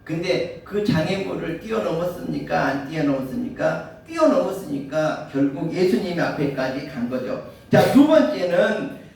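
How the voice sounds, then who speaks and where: A man's voice: fairly high pitch, big pitch swings, moderate pace, gravelly, a little mellow, a little hiss or hum. A male pastor preaching a sermon, asking his listeners rhetorical questions. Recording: very echoey room, mic far off.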